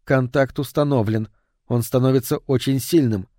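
Calm female medium, hushed slow voice, dark mellow tone, dry close sound, read by a man. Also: mid-range voice, no echo, lightly acted.

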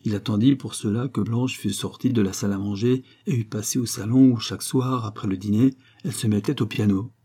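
A man reading a novel aloud as an audiobook in measured narration. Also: lowish voice, fairly even intonation, dark tone, breathy edge. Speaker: audiobook reader.

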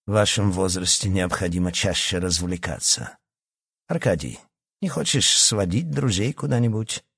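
A man's voice: low-pitched, lively intonation, moderate pace, vocal fry, husky, full character voice. A man voicing a courteous, generous old baron in an audiobook. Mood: genial. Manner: courteous and warm. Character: genial wealthy old baron. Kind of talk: audiobook character voice.

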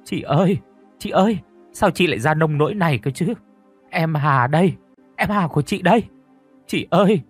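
A man's voice: fairly high pitch, animated, normal speed, long pauses, breathy edge, soft background music, voice pushed up. A man voicing an emotional mother who pleads in a raised voice. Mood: tearful. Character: tearful young mother, emotional.

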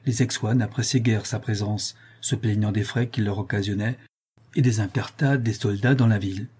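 Male audiobook narrator, measured historical storytelling, dark and husky. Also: lowish voice, fairly even intonation. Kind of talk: scripted historical novel narration.

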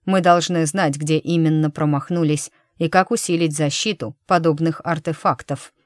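Woman doing a sharp, urgent young man, protective, lowish dry voice. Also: steady tone, moderate pace, no room sound, lightly acted. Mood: firm.

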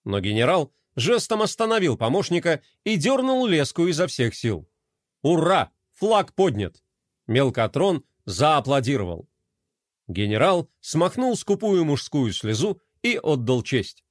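A man reading a children's audiobook in a playful, animated storytelling manner. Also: a little high, measured pace, dry recording, clean studio sound. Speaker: narrator.

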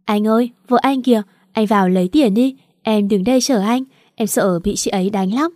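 A brazen young mistress who taunts and defies, as a woman narrator puts her on. The tone is mellow and dark, with a dry, close sound. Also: mid-range voice, normal speed, no room sound, lightly acted. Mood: taunting.

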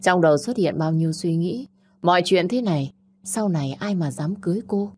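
A woman narrating a dramatic story in a measured, emotive way. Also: fairly low pitch, expressive, a little mellow, slight background noise.

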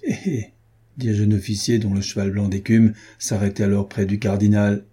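Dark, husky male audiobook narrator. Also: fairly low pitch. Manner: steady, measured reading. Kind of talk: scripted narration.

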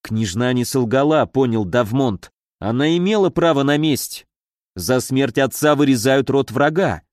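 A man's voice: medium pitch, unhurried, no room sound. Dry-voiced male audiobook narrator. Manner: even storytelling.

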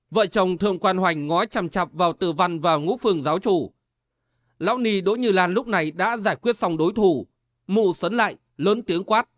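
A man reads out a martial-arts novel in a steady, dramatic storytelling voice. His pitch is high for a man, and the sound is dry and close with no room echo. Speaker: audiobook narrator.

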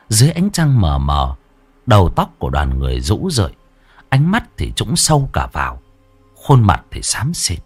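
A man narrating a ghost story in an expressive, suspenseful way. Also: fairly low pitch, breathy edge.

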